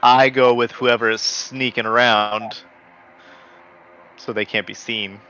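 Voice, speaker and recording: A man's voice: medium pitch, flat delivery, slow, sharp tone, muffled recording. A man playing a tabletop game and chatting casually.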